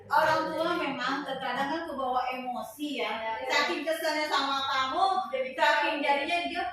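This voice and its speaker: A woman's voice: sits high, moderate pace, a crowd in the background. A middle-aged woman school counselor giving a classroom guidance lesson to students in a casual, conversational, teasing way. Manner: conversational, chatty, teasing the class, with lively rises. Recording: echoey classroom from far off, noisy.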